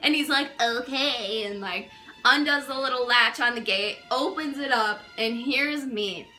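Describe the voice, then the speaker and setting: A young woman vlogger telling a casual storytime, chatty and animated, with lots of swearing and fillers. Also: a little high, measured pace, soft background music. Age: young adult.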